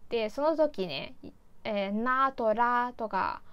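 A woman's voice: a little high, big pitch swings, slow pace, a bit bright, smooth, dull audio. Chatty Chinese woman vlogger speaking Japanese. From China. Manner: chatty, self-deprecating, frequent fillers. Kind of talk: casual chat about learning Japanese.

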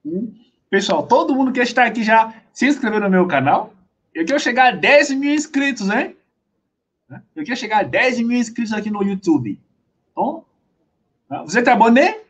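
A man teaching a live online language lesson, drilling words through slow repetition, switching between two languages and chuckling often. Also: very high voice, big pitch swings, fairly bright tone. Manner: switches between French and Portuguese. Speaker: French teacher.

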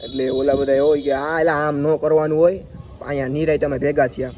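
A man's voice: a little high, brisk, dull audio, a little hiss or hum. A young man, telling a story in a casual vlog and acting out the exchanges. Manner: animated, acts out quoted exchanges. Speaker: vlogger. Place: outdoors by a school.

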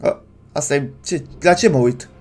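A gaming YouTuber commenting on a horror game, excitable and slangy, yelling at jump scares and taunting the game character. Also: medium pitch, faint music behind. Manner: excitable, yells and shrieks at scares, slangy banter to viewers.

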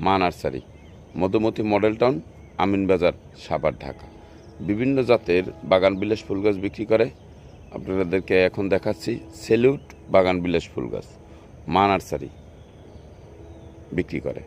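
A man's voice: sits low, animated, normal speed, long pauses, a little mellow, slight background noise. A man with a Bangladeshi Bengali accent walks through an outdoor plant nursery, showing the plants in a repetitive, salesy way as he points them out. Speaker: nursery video host. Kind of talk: casual walkthrough narration.

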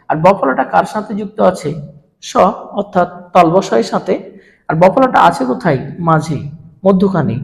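A man's voice: high-pitched, creaky, darkish tone. A man teaching a grammar lesson to students. He asks questions and answers them himself. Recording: echoey room with long reverb.

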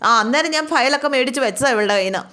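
A woman's voice: high voice, expressive, rapid-fire, sharp tone. A woman voicing an angry, domineering middle-aged bank officer who scolds and accuses her maid. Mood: angry scolding.

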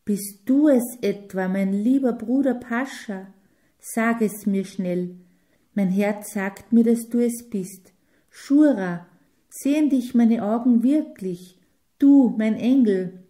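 A woman's voice: medium pitch, fairly even intonation, slow, mellow, lightly acted. A woman reading the lines of a grown woman, a hostess, speaking with emotional exclamations. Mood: overjoyed. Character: grown woman, hostess, deeply moved sister.

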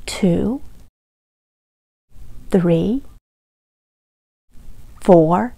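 Slow, animated storytime librarian woman. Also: medium pitch, no room sound. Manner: animated, sing-song, talks to young children. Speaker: children's librarian. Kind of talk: storytime read-aloud.

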